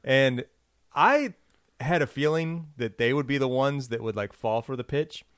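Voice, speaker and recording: A man's voice: medium pitch, animated, unhurried, a bit bright, clean tone, no echo, clean studio sound. A man casually telling a long story in a chat, rambling with lots of fillers.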